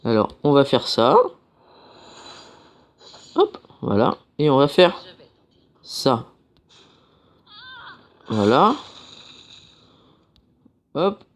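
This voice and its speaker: A man's voice: medium pitch, sing-song, drawn-out words, long pauses. A young man hosting a casual gameplay video, talking through a card game with many fillers and restarts.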